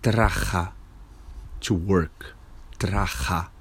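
A man teaching a language lesson, patiently repeating each word slowly and stressing its syllables. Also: deep voice, fairly even intonation, husky. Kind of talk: slow spoken language lesson.

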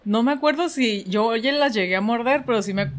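A woman's voice: on the high side, a little fast. Mexican woman, casual co-host, chatty laughing storyteller. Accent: Mexican Spanish. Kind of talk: casual chat.

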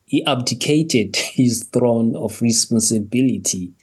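A Zimbabwean man appears as a podcast guest, recounting his personal story haltingly, repeating words and laughing between phrases. His voice is mid-range and husky.

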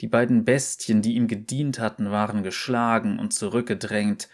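A man narrating a short story in a slow, deliberate, measured reading. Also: lowish voice, fairly even intonation.

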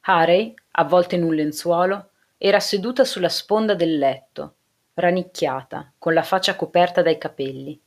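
A woman narrating a novel aloud in a steady, measured reading. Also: lowish voice. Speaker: audiobook narrator. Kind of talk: literary audiobook narration.

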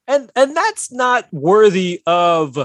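A man's voice: high-pitched, sing-song, slow, dry recording, studio quality. A man co-hosting a casual podcast, telling stories loosely and swearing freely. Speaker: podcast co-host and improv comedian.

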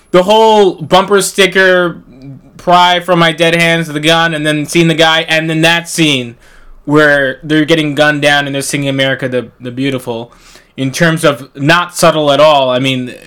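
A man co-hosting a casual movie-review chat, animated and sarcastic, often laughing and stumbling over his words. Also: fairly high pitch. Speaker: podcast co-host.

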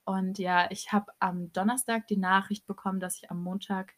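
A young woman co-hosting a podcast, telling stories in lively, joking casual chat. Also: mid-range voice, moderate pace. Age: young adult. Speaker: podcast co-host.

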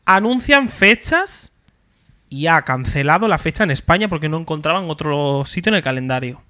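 A young man, animatedly telling a story on a casual podcast chat. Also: moderate pace. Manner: animated, acts out quotes with big jumps in pitch. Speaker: podcast co-host.

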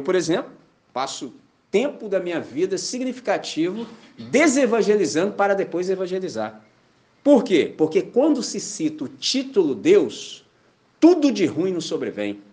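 A man with a Brazilian Portuguese accent preaching a sermon as a pastor. His voice sits high and swings widely in pitch. He acts out conversations, trading voices between himself and the people he quotes. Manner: animated, acts out dialogues in shifting voices.

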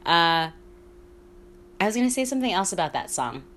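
A woman's voice: on the low side, sing-song, a little fast, a bit bright, slight background noise. A woman in her thirties hosting a solo podcast, talking in a rambling, candid way, swearing freely and laughing often. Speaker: podcast host. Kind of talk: casual solo podcast monologue.

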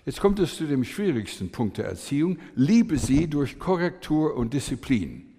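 A man's voice: moderate pace, husky. Older man preaching in a reverberant hall. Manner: animated storytelling with lively swings in pitch and loudness; hesitant, with frequent fillers and restarts. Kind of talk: sermon.

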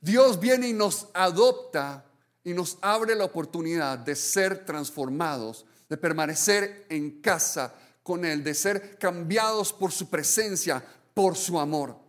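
A man preaching a sermon as a pastor. He tells stories earnestly, often restarts and adds "right?" tags, and swings between hushed and excited delivery. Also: sits high, slow pace. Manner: earnest storytelling, many restarts and "¿verdad?" tags. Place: church.

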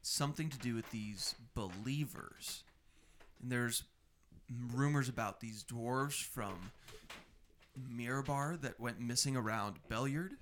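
A man's voice: medium pitch, takes it slowly, fairly bright tone, slight background noise. A man hosting a tabletop role-playing show and recapping the adventure as game master.

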